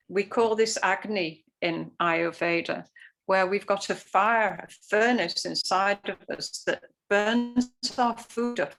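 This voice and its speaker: An Ayurveda educator speaks earnestly over a video call, her talk full of fillers. Her voice is medium-pitched and a bit bright, and the recording is rough.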